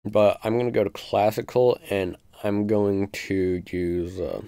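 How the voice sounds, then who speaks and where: A man's voice: fairly low pitch, measured pace, mellow, clean tone, no room sound, studio quality. A man producing music on a live stream, talking through his steps in a loose, casual way with lots of fillers. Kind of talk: live-stream beat-making walkthrough.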